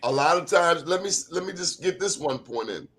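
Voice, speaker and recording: An American man hosting a casual, opinionated talk show in an animated, expressive way. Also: on the high side, brisk.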